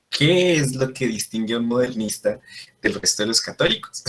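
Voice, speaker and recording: A man's voice: medium pitch, a bit bright. A man teaching a Latin class, explaining patiently and checking in with frequent questions to his students. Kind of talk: classroom lesson.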